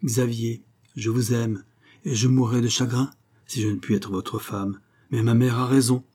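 A man voicing a tender, soft-spoken young woman in love, read in an audiobook in his own low voice. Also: steady tone, measured pace, lightly acted. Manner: soft and earnest. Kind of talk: audiobook character reading.

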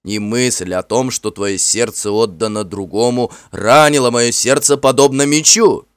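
A man voicing a proud, warm-hearted warrior chief who speaks in forceful, ringing declarations in a storybook reading. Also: mid-range voice, a little slow, smooth, no echo, pitched above the performer's own voice, close to an everyday voice. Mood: joyful.

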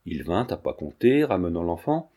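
Man with a warm mellow reading voice. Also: low-pitched, big pitch swings, moderate pace. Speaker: audiobook narrator. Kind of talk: scripted narration.

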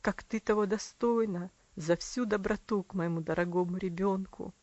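Woman putting on a hoarse low voice for a heartbroken dad in a storybook, dry muffled audio. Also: normal speed, darkish tone, no room sound, lightly acted. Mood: anguished. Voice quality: hoarse, choked. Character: grief-stricken middle-aged father.

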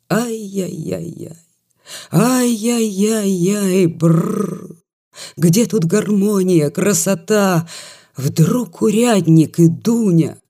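A reader voicing a drunk, despairing male country doctor who slurs and swings between self-pity and shouting, slow and husky. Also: mid-range voice.

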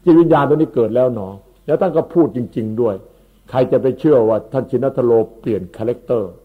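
A man, a monk, giving an unhurried Dhamma sermon that explains Pali terms and repeats his words. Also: medium pitch. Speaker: Buddhist monk. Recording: tinny phone-like recording.

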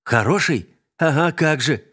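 Brief: harried strict mom, sharp scolding tone, sarcastic, voiced by a male reader. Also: on the high side, expressive, measured pace, husky, voice pushed up, heavily acted. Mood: exasperated. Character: stern irritable young mother.

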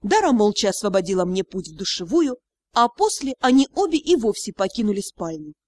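A woman narrating an audiobook in the first person, with a lively, expressive reading. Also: mid-range voice, brisk, no room sound.

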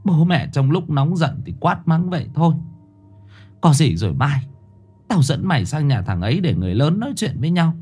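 A man's voice: fairly high pitch, big pitch swings, normal speed, warm tone, husky, voice pushed up. A man voicing a worried middle-aged village mother who fusses and pleads urgently, with faint music behind. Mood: anxious scolding.

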